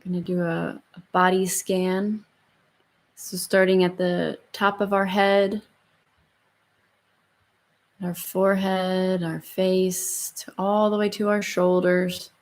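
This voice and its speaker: A woman leading a guided meditation as a yoga instructor, in a soft, soothing, slow murmur with long pauses between phrases. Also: fairly low pitch, little pitch movement.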